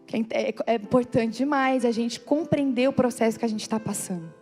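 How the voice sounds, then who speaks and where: A woman's voice: fairly high pitch, fairly even intonation, moderate pace. A woman preaching a heartfelt sermon at a church women's meeting, intense and pleading, stretching out her phrases. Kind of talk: emotional sermon. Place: church hall. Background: soft instrumental music.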